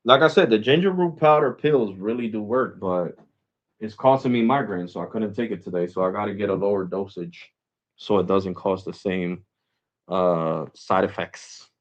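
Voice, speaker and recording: A man in his forties hosts a live stream, chatting and rambling at a moderate pace in a fairly low voice, with lo-fi sound. He says "bro" and "guys" a lot and switches to Spanish when talking with family.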